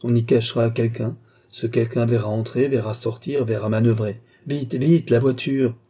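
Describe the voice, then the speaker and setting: A man's voice: steady tone, dark tone, close to an everyday voice. A man voicing a vain, imperious court countess, scolding and exclamatory, in an audiobook reading. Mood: excited. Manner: exclamatory, scolding, fast and shrill.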